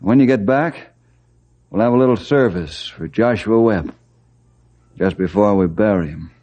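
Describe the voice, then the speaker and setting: An actor playing a steadfast, plain-spoken forest ranger leader in an old-time radio western, folksy and earnest, on a vintage radio recording. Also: male voice, on the low side, a little slow, dark tone, lo-fi sound. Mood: solemn, reflective.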